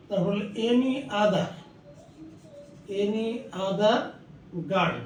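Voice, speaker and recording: Writing on a board, a man whose first language is Bengali explains English grammar in a slow classroom lesson with a Bangladeshi accent. He repeats every phrase and spells out each word as he writes, switching between Bengali and English, in a high voice. The very echoey room and distant mic leave faint background noise.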